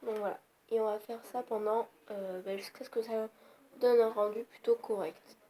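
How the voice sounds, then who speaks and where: Young female beauty vlogger, casual and easily irritated, light raised pitch. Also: steady tone, moderate pace, warm tone. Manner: chatty, rambling, easily annoyed. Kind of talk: casual makeup tutorial. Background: faint noise of passing cars.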